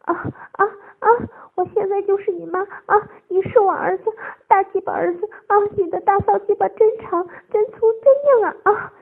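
Adult audio drama: woman putting on a forties bank manager, breathless high cries, husky, tinny phone-like sound. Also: lively intonation, full character voice. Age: 40s. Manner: breathless high-pitched crying out, fast bursts. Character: female bank manager in her forties, shy turned eager.

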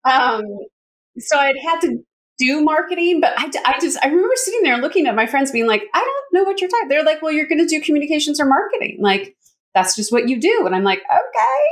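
Being interviewed, a middle-aged Canadian woman with a North American accent, a communications coach, consultant and educator, tells her story in an animated, chatty way. Her voice sits high, and she answers casually at a quick pace.

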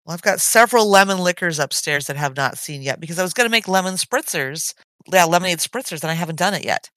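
A middle-aged woman chats as a podcast co-host, her voice bright and swinging widely in pitch. She sighs often and talks in an animated way. The sound is dry and close to the mic. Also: fast, dry recording. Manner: animated, sighing, chatty. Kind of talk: casual chat.

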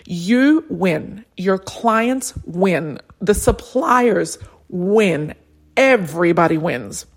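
Woman, 30s, business coach; slightly low voice, conversational, lively anecdotes. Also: very slow. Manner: chatty, anecdotal, animated impressions. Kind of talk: solo business podcast talk.

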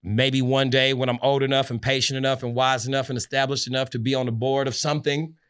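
A mid-pitched man chats as a podcast guest. He is a DJ and radio host, and he talks loose and slangy. When he plugs his shows he rolls into a punchy, rhyming hype delivery. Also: flat delivery, quick pace, fairly bright tone, clean tone. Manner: streetwise, hype slang, rhythmic self-promotion. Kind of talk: casual podcast interview.

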